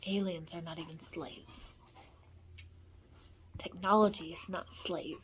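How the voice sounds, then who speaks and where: A woman in a rambling spoken monologue, blunt and profane, swinging between low murmurs and loud scolding. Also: steady tone, slow, slight background noise. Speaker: vlogger.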